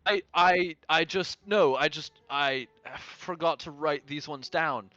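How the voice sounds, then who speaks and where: A man voicing an excitable male scholar obsessed with his notes, stammering and rushed, on a muffled lo-fi recording. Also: mid-range voice, breathy edge, no echo. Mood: flustered.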